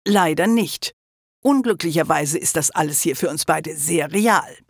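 A man's voice: fairly high pitch, lively intonation, measured pace, vocal fry, breathy edge, no echo, studio quality, exaggerated voice. A man voicing an ancient, smug male wizard hologram who talks down to people in a lecturing way, in an audiobook. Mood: mocking. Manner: condescending, lecturing.

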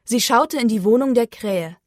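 A woman reading a children's story aloud in a slow, expressive storytelling manner. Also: fairly high pitch, no room sound, studio quality.

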